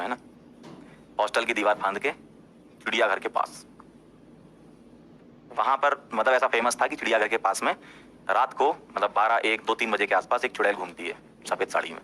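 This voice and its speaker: Talking straight to his class and frequently checking in, a teacher casually recounts a story in a fairly quick voice that pauses often. He's animated, his pitch leaping when he insists, and there's a little hiss or hum in the recording.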